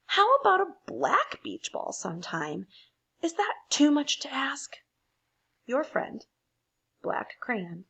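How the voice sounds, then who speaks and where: A resentful storybook crayon, voiced by a woman, protests unfair treatment. The voice is indignant and fairly high, with lively swings in pitch. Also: slow pace, gravelly, pauses often, heavily acted.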